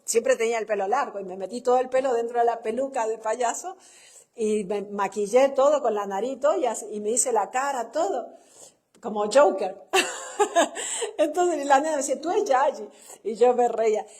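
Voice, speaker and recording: With a voice on the high side, a little mellow, and a moderate pace, this middle-aged Chilean Spanish speaker preaches through personal stories. She is a pastor's wife and church speaker who laughs at her own tales and keeps adding "¿no?" to her sentences.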